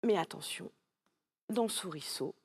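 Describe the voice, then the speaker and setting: A woman's voice: fairly low pitch, animated, measured pace, breathy edge, no room sound. A woman teaching a lesson to young children, speaking patiently and encouraging the child directly. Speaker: primary school teacher.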